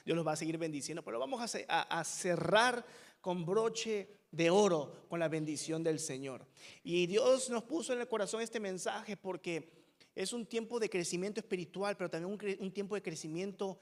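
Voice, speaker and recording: A man preaching a sermon with a high, ringing voice that carries through a church sanctuary, its long reverb trailing each phrase. He is emphatic and keeps putting rhetorical questions to his congregation. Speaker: pastor.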